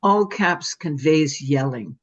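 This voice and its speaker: A man taking part in an online workshop, making an earnest, measured point with examples over a video call. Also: fairly high pitch, lively intonation. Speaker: workshop participant. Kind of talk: group discussion comment. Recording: dull lo-fi call audio.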